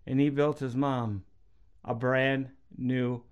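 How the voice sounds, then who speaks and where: A man's voice: medium pitch, little pitch movement, slow, clean tone, muffled recording. A middle-aged man, a preacher, talking casually about faith and telling stories, acting out quotes in a raised voice. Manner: storytelling, acts out quotes in raised voice. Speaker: preacher and podcast guest.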